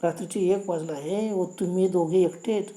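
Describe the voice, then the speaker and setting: Woman doing a gruff rickshaw driver man, matter-of-fact, warm dark voice, roomy echo. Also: lowish voice, fairly even intonation, normal speed, lightly acted.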